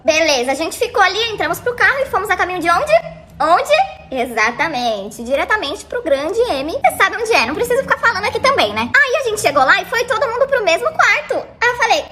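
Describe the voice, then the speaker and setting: A young woman telling a personal story in a casual, animated and slangy way, acting out the other people in it. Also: very high-pitched, fairly quick, crowd noise.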